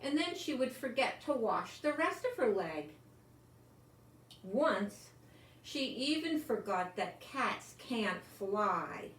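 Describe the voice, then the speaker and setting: Reading a picture book to young children, this older woman speaks at a fairly high pitch and an unhurried pace, her delivery full of lilt. She stretches out words expressively and slips in chatty asides as if addressing little ones. The home recording is roomy, with faint noise.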